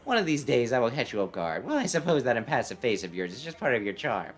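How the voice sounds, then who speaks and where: Low voice, woman acting as haughty male senator, pompous, drawling, condescending, menacing, very animated, game dialogue. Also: fast talker, faint music behind. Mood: mocking.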